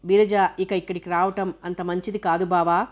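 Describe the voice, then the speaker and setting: A woman's voice: lowish voice, little pitch movement, moderate pace, close to an everyday voice. Guilt-ridden wife, bitter and self-reproaching, read by a woman narrator. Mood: distressed.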